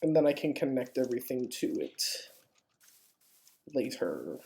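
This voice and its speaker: In this acted gaming-chat reading, a young woman gushes in slang while building in a multiplayer block game. She uses a full character voice that is rumbling low, creaky, mellow and sing-song at normal speed, over room noise and clicking keys.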